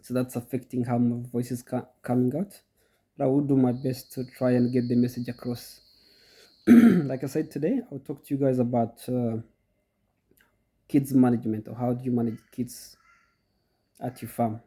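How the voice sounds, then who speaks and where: A middle-aged goat farmer, congested from a cold, hosts his channel in a mellow, husky, medium-pitched voice at a moderate pace with frequent pauses. He walks viewers through things step by step in a chatty way, often repeating himself.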